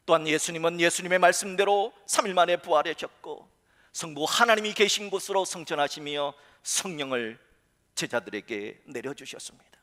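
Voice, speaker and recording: A man preaching a Sunday sermon as senior pastor, telling a story and acting out its quotes with animated delivery. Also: fairly high pitch. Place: church sanctuary. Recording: reverberant church hall.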